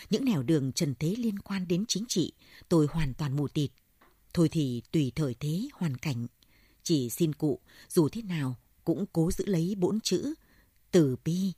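An elderly monk reflects slowly and calmly in a storybook reading, read by a woman. The voice is low, mellow and a little husky. The recording is close and dry. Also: no room sound. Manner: measured, contemplative. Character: calm elderly male Buddhist monk.

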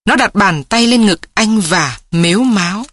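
A woman narrating a literary story slowly in a mournful, measured way. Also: medium pitch, animated, fairly bright tone, slightly rough, dry recording. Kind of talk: slow literary story reading.

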